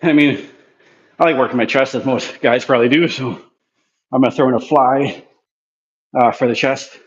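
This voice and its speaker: Here a man's mid-range voice comes through with lo-fi quality at a normal speed. Winded from exercise, he casually narrates his gym routine between sets as a physiotherapy clinic presenter in a workout demonstration vlog.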